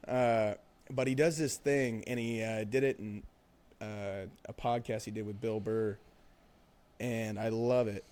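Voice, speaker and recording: A man's voice: fairly low pitch, steady tone, measured pace, a little mellow, clear, resonant tone. Casting: young man, loose rambling podcast host, swears freely, leans on filler words. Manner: rambling, profane, full of fillers. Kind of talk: casual chat.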